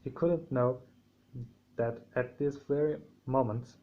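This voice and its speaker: Slow, stumbling amateur male reader. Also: medium pitch. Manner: halting, with frequent restarts and slips. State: sore throat. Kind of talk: reading a novel aloud. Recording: dull lo-fi home recording.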